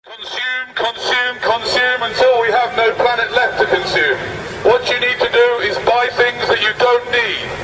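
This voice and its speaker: A man with a high voice making mock-polite announcements through a megaphone. It booms and rings out from a distance. Steady street noise sits under it. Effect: speaking through a megaphone. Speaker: street activist. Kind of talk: ironic public announcements. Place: busy city street outdoors.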